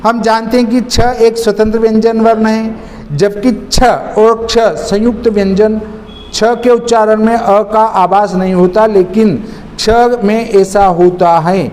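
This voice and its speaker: A man teaching a spelling lesson, slowly and deliberately spelling out words one by one. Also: high-pitched, little pitch movement, darkish tone. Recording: long reverb, faint noise.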